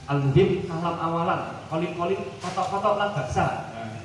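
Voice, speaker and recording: A guest speaker from Central Java, a man with a Javanese-tinged Indonesian accent, gives a lively, joking seminar talk in a large boarding school hall, slipping into playful mock dialogues. His pitch is fairly high and his pace moderate. The echoey hall was recorded from far off, with slight background noise.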